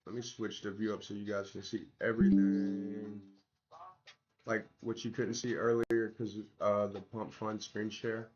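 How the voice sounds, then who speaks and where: A man with a fairly low voice talks to his stream in loose, slangy chat. His throat is sore from swollen tonsils and his voice has not fully returned. The audio is a little dull and lo-fi, as he informally walks viewers through his work. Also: flat delivery, a little slow, a little mellow, faint music behind. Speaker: livestream host building an app. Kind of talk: casual livestream chat while working.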